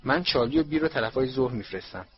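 A man's voice: mid-range voice, expressive, slight background noise, lightly acted. A man voicing a strict middle-aged mother who scolds her sons in a storybook reading. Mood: scolding. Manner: scolding, loud. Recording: dull lo-fi recording.

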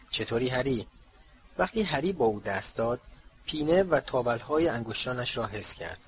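Male audiobook narrator, measured storytelling. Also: medium pitch. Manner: measured storytelling with voiced characters. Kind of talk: scripted narration of a novel. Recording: slightly dull recording, faint hiss.

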